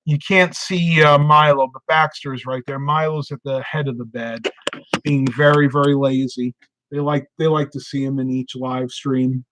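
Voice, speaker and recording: A man's voice: mid-range voice, fairly even intonation, moderate pace, background noise. Chatty man hosting a family live stream. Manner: chatty, laughs easily. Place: home bedroom.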